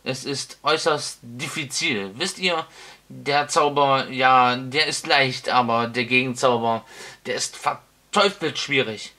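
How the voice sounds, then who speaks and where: A man voicing an ancient, toothless male wizard in an audiobook, booming, rambling and giggly. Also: slow, pushed and bright. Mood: jovial. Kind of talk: audiobook character voice.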